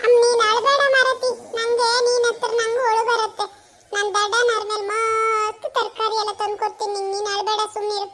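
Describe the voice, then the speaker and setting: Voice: very high-pitched, level tone, a little fast, bright, forceful tone, pitched above the performer's own voice. A woman voicing a little boy, pleading tearfully with his parents.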